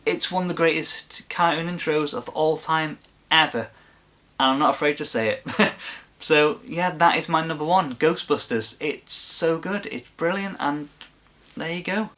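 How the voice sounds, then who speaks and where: Male vlog host, slightly high pitch, chatty, enthusiastic and rambling. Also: measured pace, bright, forceful tone. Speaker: video host. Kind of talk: casual chat to camera.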